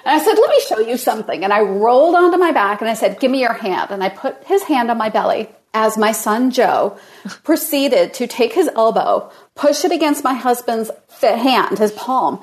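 A woman on a podcast panel telling an anecdote in a lively, laughing way. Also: a little high, moderate pace. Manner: animated storyteller, laughing. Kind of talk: casual storytelling.

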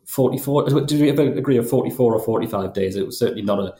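A journalist from North East England co-hosts a casual news podcast, speaking with a slight Geordie accent in a chatty style full of restarts. His voice is medium-pitched and warm, quick, and sits in an echoey room.

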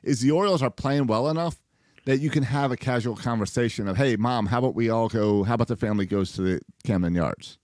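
A man's voice: mid-range voice, fast talker, a little mellow, dry recording. Dry-miked man chatting about sports. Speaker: sports podcast co-host. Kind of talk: casual baseball chat.

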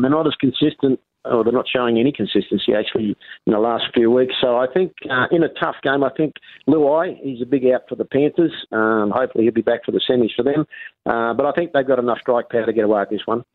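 A man's voice: mid-range voice, quick pace, no room sound. An Australian man giving casual, colloquial rugby league commentary as a tipster, on a tinny line.

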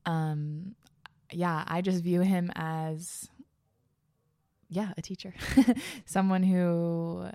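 A woman in her twenties hosts a casual podcast chat, bubbly and gushing, laughing a lot and using plenty of fillers. Her voice is on the low side and warm.

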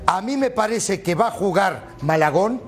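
A man analysing a football lineup on a sports panel, explaining step by step and checking in with quick tag questions. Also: high-pitched, animated, soft background music.

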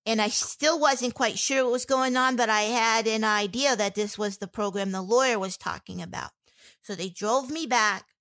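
A woman with a somewhat raised voice gives personal testimony in an interview. She speaks candidly and haltingly, often stopping to restart a sentence. Fillers fall all through her speech. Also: fairly high pitch, fairly bright tone.

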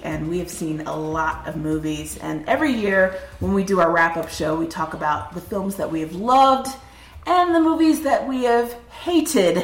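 At a film festival table, a podcast host introduces her show and joins a roundtable conversation. She's upbeat and chatty, her mid-range voice slightly nasal from a cold she's recovering from, with an echoey room around her.

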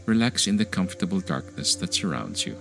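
Here a man hosting a meditation podcast leads listeners with gentle guidance, his gravelly voice pitched very low. He speaks slowly and soothingly, like telling a sleep story, over music.

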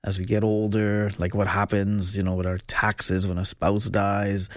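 Man, financial advisor, easy laugh, lowish voice. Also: little pitch movement, no room sound, studio quality. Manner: laughs often, talks in quick bursts. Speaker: financial advisor, show regular. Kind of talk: casual radio chat. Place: radio studio.

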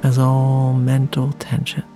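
A guided meditation host speaks very slowly over clearly audible music. The delivery is deliberate and soothing, leaving long pauses as it leads a relaxation hypnosis. The voice sits at a medium pitch. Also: monotone. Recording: music playing behind the voice.

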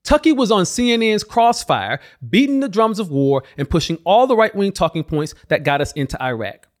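Sarcastic, high-pitched man doing political commentary. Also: very animated, normal speed. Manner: sarcastic, mocking. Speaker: host.

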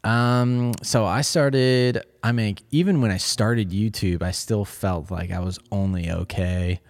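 A man in his twenties from Colorado, a guest on a studio podcast, chatting in an easygoing way and quick to laugh. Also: lowish voice, steady tone. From Colorado, USA. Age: 20s. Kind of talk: casual podcast chat.

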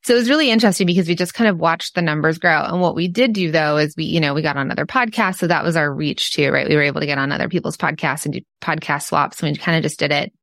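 A woman's voice: low-pitched, fast talker, few pauses, fairly bright tone, no echo, studio quality. A woman with a Californian Valley Girl accent, chatting candidly and informally as a podcast guest. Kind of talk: casual interview chat.

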